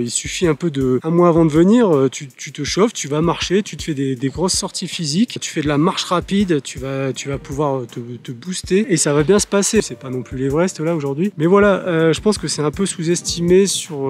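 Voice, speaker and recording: A man chatting informally to viewers and giving advice as a hiking vlogger, outdoors on a windy mountain summit. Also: fairly high pitch. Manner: informal, advising. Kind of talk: casual chat to viewers.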